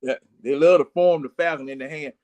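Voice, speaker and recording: A folksy man in his sixties talks fast in a fairly high yet darkish voice, keeping a steady tone. As a sports talk panelist in a casual football fan chat, he tells rambling, folksy stories.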